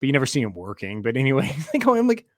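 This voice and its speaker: A young man co-hosting a podcast, explaining things in an animated, chatty way and laughing as he talks. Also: medium pitch, fast talker, no room sound, studio quality. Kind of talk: casual podcast chat.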